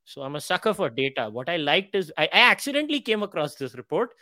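An Indian man hosts a podcast, talking conversationally and emphatically in an interview style while candidly slipping between English and Hindi. His voice sits on the high side, sing-song, fast, bright and forceful. The studio sound is clean, with no room sound at all.

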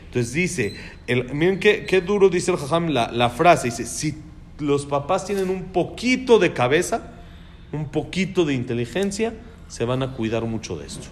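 A man's voice: fairly high pitch, expressive, moderate pace. A man teaching a religious class on raising children, speaking emphatically and putting questions to his listeners. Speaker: Torah teacher.

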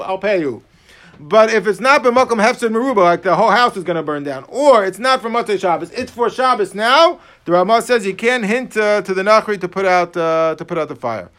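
High-pitched American rabbi with yeshiva-style speech. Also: male voice, brisk. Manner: Yiddish- and Hebrew-peppered yeshiva way of speaking; animated, acting out hypothetical dialogues. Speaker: rabbi teaching a class. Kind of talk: religious law lecture with questions from students.

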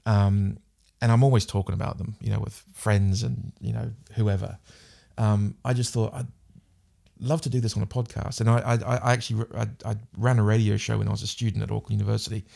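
A fairly low, gravelly, warm male voice with a New Zealand accent moves fairly quickly and sounds flat. He's a podcast guest in an easygoing interview, reflecting thoughtfully while frequently starting over and repeating himself.

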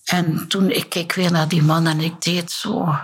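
A woman's voice: on the low side, little pitch movement, unhurried, husky. An older Flemish nun, a former missionary, tells personal memories in an interview, acting out the dialogue as she goes and often tagging her sentences with a little "hè". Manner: vivid retelling with quoted dialogue and frequent tag "hè".

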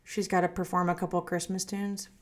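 A woman co-hosting a podcast, talking in a chatty, animated way with lots of filler words. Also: lowish voice, a little fast. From Southwest Arkansas. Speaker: podcast co-host. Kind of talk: casual chat.

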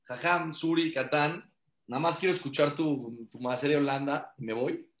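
A man's voice: on the high side, fairly even intonation, moderate pace, reverberant. A man, a rabbi giving an earnest, preachy talk and acting out quoted pleas. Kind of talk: sermon-like talk on an online panel.

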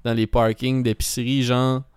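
A man's voice: medium pitch, level tone, moderate pace, a little mellow. A man with a Québécois French accent telling a story in a casual chat, rambling with lots of fillers and dropping in English words.

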